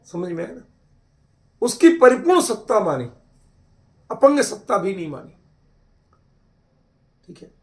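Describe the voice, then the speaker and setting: A man with a notably high-pitched voice teaches scripture in an online group discussion. He explains with emphasis and homely examples, and he keeps quizzing his listeners to check that they follow. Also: very animated, unhurried, long pauses.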